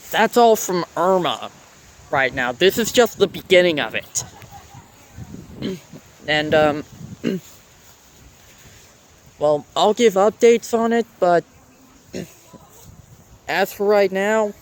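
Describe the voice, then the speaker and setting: A man speaking casually to camera as a vlogger giving updates, halting and often clearing his throat. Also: sits high, a little hiss or hum, low-quality recording.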